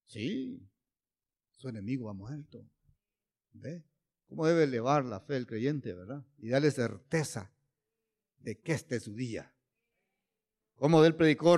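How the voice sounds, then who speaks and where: A man preaching a sermon who keeps asking his listeners "¿ve?" and "¿verdad?", moving between loud emphatic lines and low, quiet asides.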